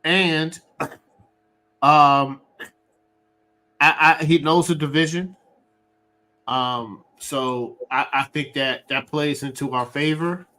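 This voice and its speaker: A man hosting a live sports fan show, talking eagerly with frequent restarts. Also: a little high. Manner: excited, talks fast with many restarts.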